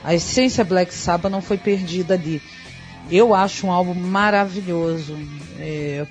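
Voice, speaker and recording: A woman with a Brazilian accent co-hosting a radio show, talking with enthusiasm and many hesitant fillers. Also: on the low side. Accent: Brazilian Portuguese. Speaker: radio co-host. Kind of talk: casual radio chat about rock music.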